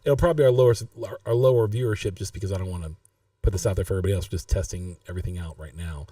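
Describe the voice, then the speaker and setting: A man's voice: low voice, rapid-fire, mellow, no room sound, recorded from a distance. A man hosting a casual live-stream podcast, rambling and restarting his sentences. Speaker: podcast host.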